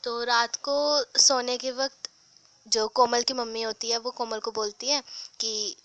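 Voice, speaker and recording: Bright-voiced young woman telling a story. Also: on the high side, steady tone, a little slow, dry recording. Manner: narrates and voices all characters in the same voice, with restarts. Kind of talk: casual spoken storytelling.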